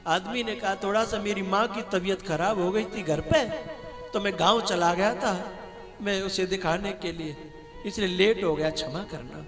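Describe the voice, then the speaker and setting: High-voiced man preaching a devotional katha. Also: moderate pace. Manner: animated storytelling, acts out quarrels, sings devotional refrains. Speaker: religious storyteller. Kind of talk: devotional katha sermon with story. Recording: long hall reverb with music.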